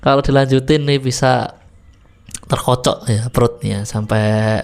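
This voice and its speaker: A man's voice: mid-range voice, fairly even intonation, measured pace, creaky. A man doing casual reaction commentary on clips for his viewers, chatty and laughing often. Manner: giggly, chatty, frequent laughter.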